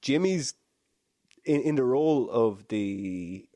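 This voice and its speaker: A man's voice: medium pitch, expressive, takes it slowly, dark tone, no echo. A man in his thirties in a casual comedic chat, rambling and jokey, laughing often and restarting his sentences.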